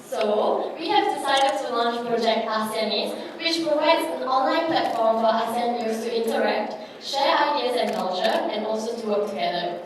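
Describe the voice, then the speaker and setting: Woman, clear informative presentation, high-ish voice, distant, reverberant hall. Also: normal speed. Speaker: workshop participant presenting a project. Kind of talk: prepared group presentation. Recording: echoey hall, distant mic.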